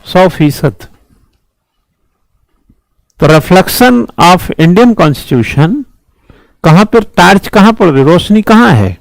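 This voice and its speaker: A man with a high voice teaching an exam-prep lecture, driving points home with questions and repeated refrains. The sound is close and dry, with no room echo. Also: big pitch swings, very slow, gravelly, long pauses. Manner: emphatic, rhetorical questions and repeated slogans. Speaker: civil services exam teacher. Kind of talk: classroom lecture.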